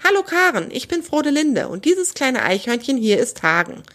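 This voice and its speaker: A woman's voice: high voice, sing-song, moderate pace, fairly bright tone, voice pushed up. A woman doing a kind, motherly wild sow. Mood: friendly. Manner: kind and soothing. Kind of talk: children's storybook reading.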